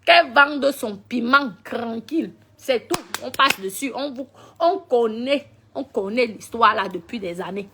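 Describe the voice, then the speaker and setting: A woman's voice: lively intonation, a little slow, few pauses, a little hiss or hum. Emphatic woman ranting on live. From Cameroon. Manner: emphatic, repetitive, swings between loud scolding and low mutters. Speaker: live-stream vlogger. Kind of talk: casual live-stream rant to followers.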